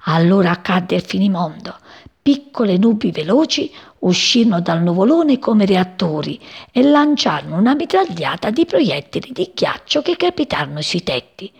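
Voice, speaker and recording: Woman storybook reader, husky voice, very animated delivery. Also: mid-range voice, normal speed. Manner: expressive, voicing many characters. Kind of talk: storybook read-aloud.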